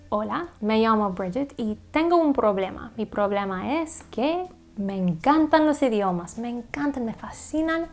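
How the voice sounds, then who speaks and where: Slow-talking woman learner, native English speaker. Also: a little high, expressive. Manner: self-correcting, thinks aloud about grammar; chatty with frequent laughs. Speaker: language-learning vlogger. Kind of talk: casual rambling monologue.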